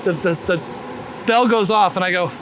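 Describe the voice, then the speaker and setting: Walking along a city street, a high-voiced man speaks at a moderate pace in a candid interview about his work as a street photographer. His talk is loose and profane, full of "like" and "man." The recording clearly picks up outdoor traffic and urban noise.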